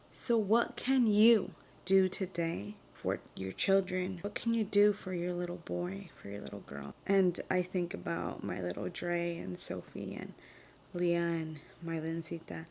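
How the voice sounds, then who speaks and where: A young woman and mother sharing earnest, heartfelt thoughts in a casual vlog, often dropping into a soft whisper. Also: fairly low pitch, creaky, slight background noise. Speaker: vlogger and mother. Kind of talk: reflective casual vlog talk.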